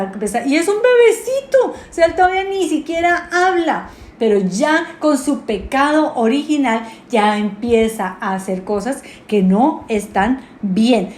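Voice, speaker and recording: A woman preaching a sermon, often pausing to ask her congregation rhetorical questions. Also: fairly high pitch, darkish tone. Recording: echoey room with faint noise.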